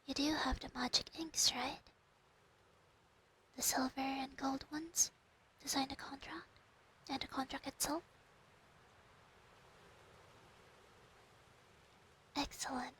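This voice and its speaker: A woman voicing a clingy, proud female fox spirit familiar in a whispered role-play, breathy and intimate on a close binaural microphone. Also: high voice, steady tone, measured pace, long pauses, fairly bright tone, a little hiss or hum, low-quality recording. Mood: resigned, brisk.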